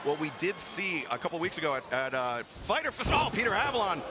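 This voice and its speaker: A man's voice: a little high, sing-song, brisk. A man doing live play-by-play wrestling commentary, calling moves in clipped phrases and exclaiming at the big moments. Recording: noisy arena, loud crowd behind. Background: loud crowd and arena slams.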